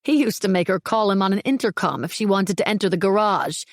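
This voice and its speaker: A woman's voice: mid-range voice, a little fast, no echo, clean studio sound, close to an everyday voice. A woman voicing a brash, outspoken, overloud woman who talks bluntly and derisively.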